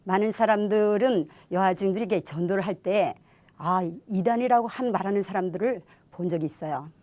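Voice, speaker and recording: A woman's voice: medium pitch, brisk, a little mellow, no room sound. A middle-aged woman giving her church testimony in an earnest, reflective storytelling manner. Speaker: testimony speaker.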